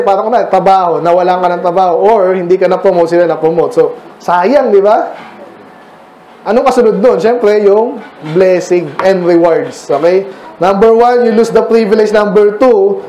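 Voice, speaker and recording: High-voiced Filipino pastor preaching conversationally. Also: male voice, warm tone, echoey room, rough recording. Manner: conversational preaching, asks the congregation questions. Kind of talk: sermon. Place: church.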